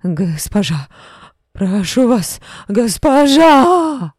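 A woman's voice: on the low side, steady tone, moderate pace, dark tone, dry recording, studio quality, lightly acted. Woman doing drunk brute, stammering, pleading, storybook figure. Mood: terrified. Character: drunk brutish man, lecherous, then terrified.

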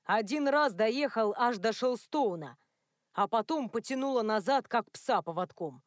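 A woman's voice: fairly high pitch, animated, measured pace, dry recording, clean studio sound. A woman voicing a bitter, grumbling bearded gardener, a man bound to serve, in an audiobook.

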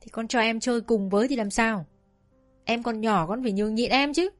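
A woman's voice: a little high, a little fast, faint music behind, lightly acted. A woman voicing a busy mother who explains patiently and scolds firmly. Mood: scolding. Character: busy mother favoring the baby.

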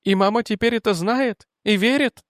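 A man doing a frightened young woman in a storybook reading, her voice pitched high and breathless as she pleads. The recording is dry and close, with no room sound. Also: normal speed, no echo, lightly acted. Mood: shocked.

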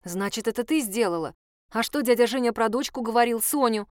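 Woman voicing a timid, earnest young man for a storybook; smooth tone, lightly raised. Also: a little high, fairly quick, darkish tone, dry recording, clean studio sound, lightly acted.

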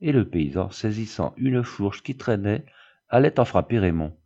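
Low, mellow man reading a tale. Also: moderate pace, dull audio. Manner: steady reading, lifts pitch for quoted voices. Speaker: audiobook reader. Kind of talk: scripted narration of a Christmas tale.

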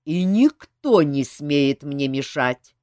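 Woman doing a low gruff young prince. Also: animated, takes it slowly, darkish tone, no echo, studio quality. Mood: menacing. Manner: gloomy, then harsh and menacing.

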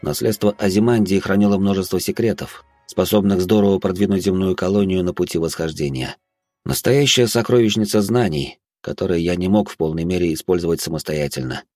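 A man reading an audiobook in the first person, steady and even. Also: low-pitched, brisk, no echo, clean studio sound, soft background music. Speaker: audiobook narrator.

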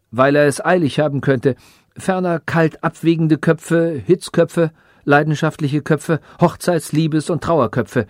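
A man's voice: a little high, dry recording, clean studio sound, voice pushed up. A man voicing a nervous, clever old male sage telling a strange tale to a king, in an audiobook reading.

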